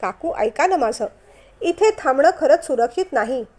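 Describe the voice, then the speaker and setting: A woman's voice: high-pitched, animated, normal speed, a little mellow. A woman as an earnest, caring young woman. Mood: pleading. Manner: earnest, pleading.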